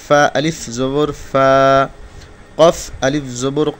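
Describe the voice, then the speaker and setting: A man teaching Quran reading, spelling out Arabic letters slowly one by one and explaining the rules more quickly. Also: a little high, little pitch movement. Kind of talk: spelling-out recitation lesson.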